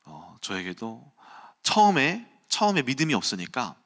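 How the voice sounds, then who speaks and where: Male preacher, bright and forceful tone, animated storyteller who acts out scenes. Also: mid-range voice, moderate pace. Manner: animated storytelling, acts out quotes and sounds, chuckles. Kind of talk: early-morning sermon with personal storytelling.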